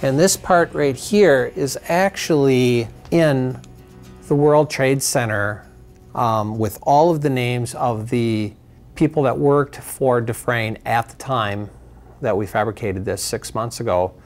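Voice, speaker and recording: A man's voice: medium pitch, slow, faint music behind. A man working in metal fabrication, speaking sincerely and with enthusiasm in a local TV interview. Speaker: fabricator at a manufacturing company.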